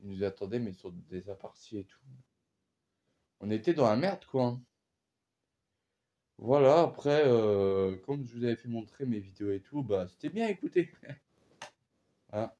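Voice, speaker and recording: A man's voice: medium pitch, lively intonation, normal speed, pauses often, warm tone, highs cut off. A man hosting a casual unboxing vlog, rambling along with lots of fillers and slang. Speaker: vlogger.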